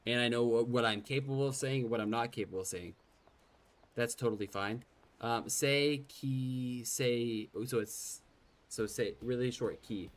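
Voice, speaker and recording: While streaming a game, a man chats loosely in a steady, mid-range voice at normal speed. Gaelic is his first language and he has a slight lisp; his talk is rambling and self-deprecating with occasional swearing, over faint game music.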